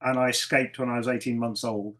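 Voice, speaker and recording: A middle-aged man from North Wales, croaky from a cold, answering interview questions with dry, understated humour. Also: medium pitch, flat delivery, fairly quick, a bit bright. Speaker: guest, ecologist. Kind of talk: casual interview.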